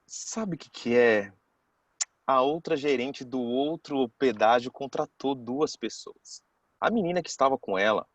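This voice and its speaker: A man's voice: medium pitch, no room sound, highs cut off. A man, telling a personal story to a class in a casual, chatty way and acting out the people he quotes. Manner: chatty, keeps saying "cara".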